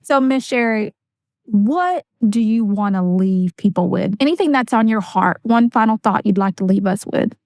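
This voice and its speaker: A woman's voice: medium pitch, lively intonation, normal speed, darkish tone, dry recording, clean studio sound. A woman hosting a podcast interview, encouraging and affirming her guest as she talks. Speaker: podcast host.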